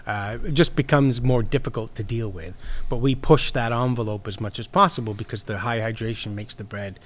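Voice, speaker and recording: A man's voice: medium pitch, a little fast, a bit bright. A man, a podcast guest chatting casually and explaining his baking with many fillers. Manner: rambling, explanatory, lots of fillers. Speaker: podcast guest, sourdough baker.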